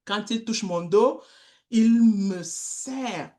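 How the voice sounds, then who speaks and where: A middle-aged woman giving a testimony, telling a story in a slow, halting way with repeated words. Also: medium pitch, dark tone. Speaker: guest speaker, street-children worker.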